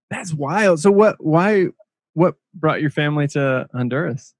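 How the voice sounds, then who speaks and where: A man's voice: on the high side, lively intonation, takes it slowly, dry recording, clean studio sound. A man hosting a podcast, talking casually in a rambling way and laughing often. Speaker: podcast host.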